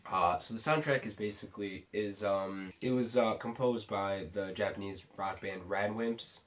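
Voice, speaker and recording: A tipsy man giving a casual, unscripted movie review in a rambling, halting way, often restarting his sentences. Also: on the low side, fairly even intonation. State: tipsy from drinking sake. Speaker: film reviewer.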